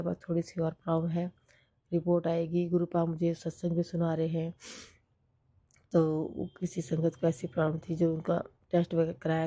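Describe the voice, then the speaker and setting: A middle-aged woman with a hoarse voice from a cold, sharing a devotional gratitude testimony and repeating her prayerful thanks again and again. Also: lowish voice, warm tone, no room sound.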